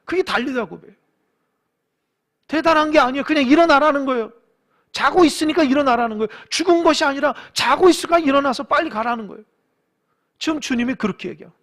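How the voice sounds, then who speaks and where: A man preaching a sermon to a congregation, telling the story with lively acted-out voices and direct appeals to the listeners. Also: very high-pitched, quick pace, pauses often. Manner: animated storytelling, acting out voices and urging the congregation. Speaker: pastor. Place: church sanctuary.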